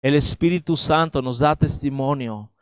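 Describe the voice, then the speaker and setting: A pastor with a Mexican accent preaches a sermon in a smooth, medium-pitched voice at normal speed, with no echo. He is emphatic and speaks directly to his listeners, often adding "¿verdad?".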